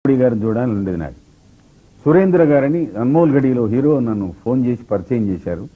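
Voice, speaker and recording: A man from Telangana, a mimicry artist, telling anecdotes in an animated way and slipping into quoted voices. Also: mid-range voice, brisk. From Telangana, India. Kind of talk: anecdotal storytelling. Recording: tinny phone-like recording.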